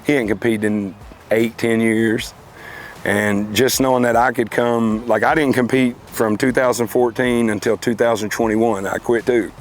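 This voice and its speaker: A man's voice: mid-range voice, steady tone, normal speed, a little hiss or hum. A middle-aged man, chatting casually and reminiscing in a folksy, plain-spoken way. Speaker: competitive car auctioneer being interviewed.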